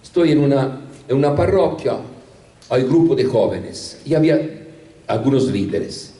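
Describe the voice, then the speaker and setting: Older priest telling stories in an echoey hall. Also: male voice, mid-range voice, very animated, a little slow, dark tone. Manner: storytelling with rhetorical questions and hesitations. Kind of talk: anecdotal talk to a congregation. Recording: echoey room from a distance.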